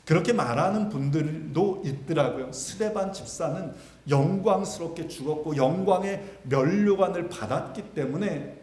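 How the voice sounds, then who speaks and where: A man's voice: on the high side, moderate pace, hardly any pauses, darkish tone. A male pastor preaching a sermon with dramatic swings of emphasis, speaking directly to his congregation. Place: church sanctuary. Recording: echoey church sanctuary.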